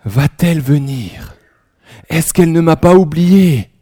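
Male preacher raised in France, mellow dark tone, dry close sound, intimate sermon delivery. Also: a little high, animated, slow, husky, no room sound. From France, raised in Alsace. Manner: drops to a hushed near-whisper for emphasis; many restarts, conversational storytelling.

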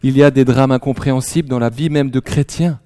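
A man raised in France preaching a sermon, telling stories in a conversational way and often dropping to a hushed near-whisper. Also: mid-range voice, steady tone, brisk, dry recording. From France, raised in Alsace. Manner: many restarts, conversational storytelling.

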